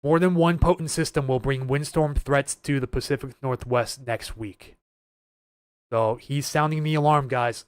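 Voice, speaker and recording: A man's voice: medium pitch, smooth, no echo, studio quality. A man hosting a live weather stream, talking casually and urgently to viewers, nervous and earnest. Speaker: weather livestream host.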